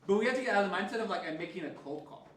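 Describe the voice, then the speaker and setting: A man's voice: sits high, expressive, very fast, a bit bright, a little hiss or hum. Chatty male real estate trainer. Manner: chatty, storytelling, heavy use of "like". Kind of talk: casual classroom training talk. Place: training room. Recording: roomy room, mic far off.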